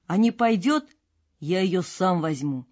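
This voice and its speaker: A woman playing a loud, gleeful young simpleton. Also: high voice, expressive, measured pace. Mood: gleeful, boastful. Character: cheerful boastful young male simpleton. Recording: dull lo-fi with faint music.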